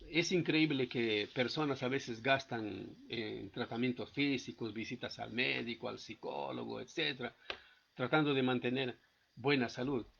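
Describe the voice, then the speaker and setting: A man's voice: mid-range voice, fairly even intonation, moderate pace, vocal fry, a bit bright, highs cut off, a little hiss or hum. A man preaching a sermon at a church service, often stopping to ask the congregation whether they follow him. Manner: asks the congregation frequent rhetorical check-in questions.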